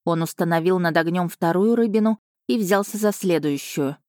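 Woman, audiobook narrator, first-person novel, low pitch, dry recording. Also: moderate pace, darkish tone, no room sound.

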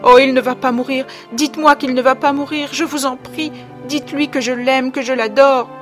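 A woman's voice: sits high, expressive, moderate pace, soft background music, voice pushed up. A woman reading aloud, voicing a vain, fearful society mother who pleads breathlessly. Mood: panicked.

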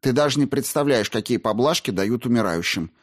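A man's voice: medium pitch, animated, a little fast, voice pushed up, natural voice. A man voicing a defiant young woman who speaks coldly and mockingly in an audiobook. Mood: taunting. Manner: cold, biting, mocking. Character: defiant scornful young woman, sharp-tongued.

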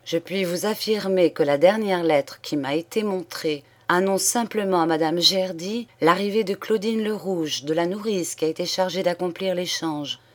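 A woman reading the part of a dignified young viscount, who speaks clearly and in measured terms. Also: fairly low pitch, lightly acted. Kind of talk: audiobook character reading.

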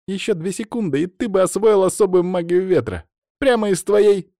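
A man's voice: on the high side, wildly swooping pitch, brisk, no echo, clean studio sound, voice pushed up. A man voicing a cheeky teenage girl who giggles and teases in a storybook reading. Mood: teasing. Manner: giggly, teasing.

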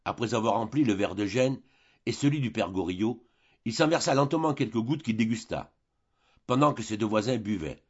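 Husky man reading a classic novel. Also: on the low side, animated, moderate pace, dull audio. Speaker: audiobook reader.

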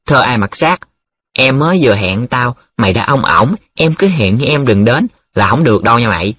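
A man voicing a defensive, flustered young male student in love, with a husky voice. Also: medium pitch, expressive, a little fast, bright, forceful tone. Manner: defensive, hesitant.

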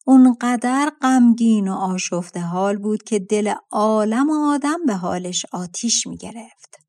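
A woman voicing a clever young girl in a fairy-tale audiobook, soft and pleading as she calms a monster. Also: mid-range voice, natural voice.

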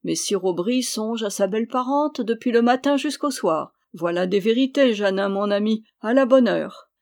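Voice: mid-range voice, expressive, moderate pace, darkish tone, lightly acted. A reader voicing an impudent, mocking male dwarf jester in an audiobook, cheeky and teasing, speaking in riddles. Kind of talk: audiobook character reading.

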